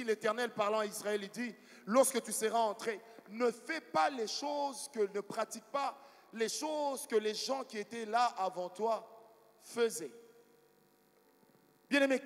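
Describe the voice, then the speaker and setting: A high-pitched male preacher, telling stories from the pulpit and drawing replies from the congregation. His voice rings through a large church hall with a long reverb tail. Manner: storytelling preacher, asks the congregation for responses. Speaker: pastor. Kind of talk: sermon.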